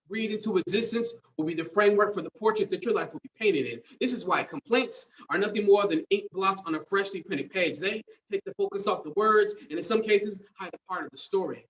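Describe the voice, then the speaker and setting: A man with a high voice performs spoken word poetry, recorded a little way from the mic. He speaks in a measured, emphatic way as an open mic poet. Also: fairly bright tone. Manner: measured, emphatic, wordplay-driven delivery. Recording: distant mic at live event.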